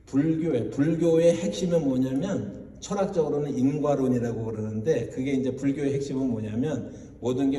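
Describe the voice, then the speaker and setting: A male pastor giving an animated sermon in a church, questioning his congregation and mimicking voices as he goes. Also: mid-range voice. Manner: animated preaching, mocking quoted voices, asks the congregation questions. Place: church sanctuary. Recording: roomy hall, voice from far off.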